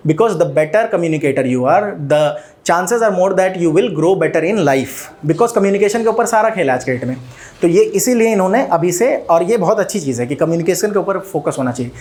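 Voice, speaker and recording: A man's voice: high voice, darkish tone. An Indian man teaching a recorded video lesson, mixing Hindi with English and often checking in with "ठीक है?". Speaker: coaching teacher.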